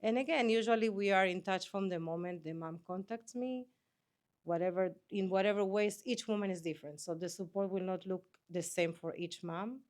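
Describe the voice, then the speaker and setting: A woman's voice: mid-range voice, normal speed, a little mellow. A woman working as a doula, speaking earnestly. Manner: earnest, repeats and restarts phrases. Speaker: doula, interview guest. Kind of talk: conversational interview.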